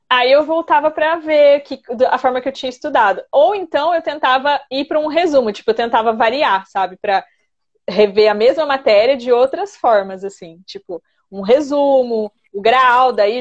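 Woman w caipira brazilian country accent, highish voice, chatty n repetitive, kinda dull lofi audio. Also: normal speed. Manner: informal, repeats herself. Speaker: interview guest, federal prosecutor. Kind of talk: casual chat, answering questions.

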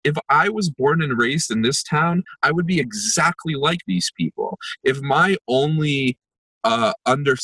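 In a dry, low-quality recording, a young man with a medium-pitched voice that is pushed, bright, and slightly rough talks reflectively. Born in Israel and raised in New Jersey and New York, he facilitates empathy workshops and appears as a podcast guest in a conversational interview, with frequent fillers and restarts.

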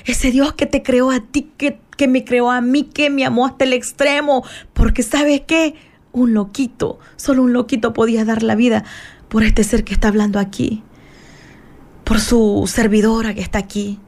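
A woman preaching a fervent morning sermon, emphatic and repetitive, rising into prayer. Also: fairly high pitch.

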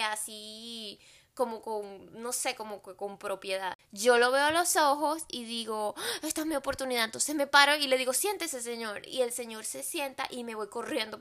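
A woman telling a personal faith story in a casual, animated way, talking straight to her viewers. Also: fairly high pitch. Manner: animated, addresses viewers directly. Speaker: vlogger sharing a faith testimony.

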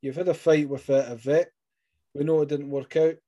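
Scottish male interviewer, mellow warm tone, chatty, encouraging, asks long questions. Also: fairly high pitch, steady tone, moderate pace. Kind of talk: sports interview.

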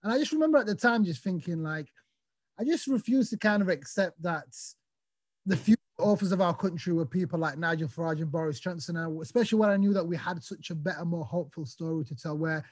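A man, talking through his life story as an interview guest. His voice sits fairly high, and he sounds casual and chatty, with a few fillers. The sound is dry and close. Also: fast talker, a little mellow, no room sound. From Somalia, raised in Sheffield, England. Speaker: interview guest, activist and author. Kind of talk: conversational interview answers. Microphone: video call.

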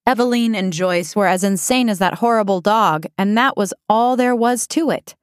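A woman reading an audiobook in a steady, measured storytelling voice on a close microphone. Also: medium pitch, clear, resonant tone, no echo. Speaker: audiobook narrator. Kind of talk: scripted narration.

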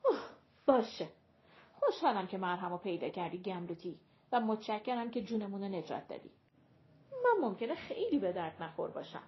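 A woman voicing a touchy, dramatic young woman with a shrill, sulky voice, in an audiobook. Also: expressive, few pauses, dull audio, natural voice.

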